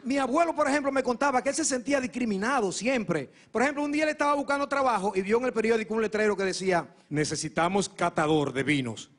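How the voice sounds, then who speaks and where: A man with a high voice tells stand-up jokes to an audience. He performs with lively energy, slipping into the voices of the people in his stories. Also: very fast, hardly any pauses. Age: 30s. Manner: lively joke-telling, acting out characters' lines. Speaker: comedian. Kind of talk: stand-up comedy routine.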